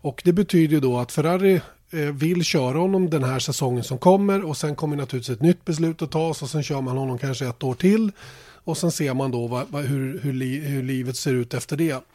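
A man's voice: a little high, dark tone, no echo, studio quality. A Swedish man hosting a casual motorsport podcast, thinking aloud with many fillers and restarts. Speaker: podcast host.

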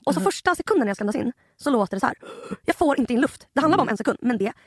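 Quick, animated young woman podcaster. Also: high-pitched, breathy edge, dry recording, studio quality. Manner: rapid, animated storytelling with many restarts. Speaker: podcast co-host. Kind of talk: casual chat.

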